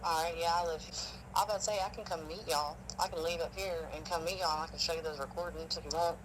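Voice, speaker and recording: A man's voice: fairly high pitch, steady tone, fast talker, background noise. A man telling stories on a phone call in a rambling, emotional way. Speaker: witness. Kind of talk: casual phone conversation.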